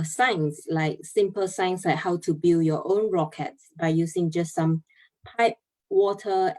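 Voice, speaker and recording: A young Malaysian woman with a lowish, slightly mellow voice gives an earnest talk over a video call as a chemical engineer. She walks through her points step by step, with plenty of pauses and fillers.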